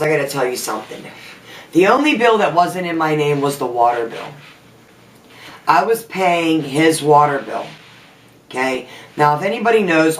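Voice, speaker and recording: Speaking in a deep voice, this vlogger and makeup artist vents her anger from home, cursing freely throughout the rant. The recording is distant, with the mic placed away from her in a room full of echo.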